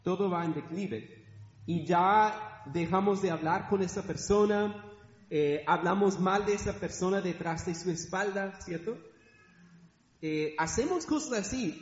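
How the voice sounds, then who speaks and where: A middle-aged man preaching a sermon in a church hall, asking the congregation rhetorical questions. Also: high-pitched. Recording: echoey hall, dull sound.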